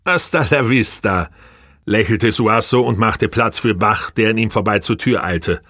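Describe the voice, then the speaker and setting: A man's voice: on the low side, moderate pace, fairly bright tone, no echo, studio quality. A man narrating a science fiction audiobook, raising his voice a little for the characters' dialogue. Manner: reads dialogue with a raised, livelier voice for characters. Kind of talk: scripted narration of a sci-fi audiobook.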